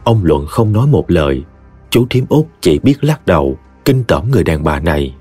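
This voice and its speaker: A man's voice: low voice, very animated, moderate pace, a little mellow, slightly rough, soft background music. A man narrating a story expressively and dramatically.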